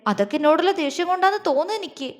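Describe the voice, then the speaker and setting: A woman with a very high, animated, pushed-up voice plays a tearful, insecure young wife, crying and stammering through hurt pleading in halting speech. A long hall reverb surrounds her.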